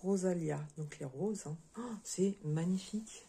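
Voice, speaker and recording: A slightly hoarse woman chatting casually to her viewers as she opens a parcel, with many fillers and restarts. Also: fairly low pitch, a little slow, warm tone. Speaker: crafting video creator. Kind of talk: casual unboxing chat to viewers.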